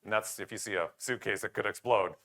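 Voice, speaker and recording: An older man giving a conference talk, lively and jokey, acting out the remarks of others and poking fun at himself. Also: lowish voice, quick pace. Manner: animated, jokey, self-deprecating, acts out quoted remarks. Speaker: conference speaker.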